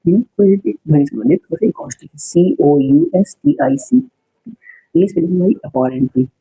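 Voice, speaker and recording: A man's voice: high-pitched, big pitch swings, normal speed, creaky, dark tone, breathy edge, rough recording. A man teaching an exam-prep spelling lesson, repeating each word, spelling it out letter by letter and explaining its meaning to viewers.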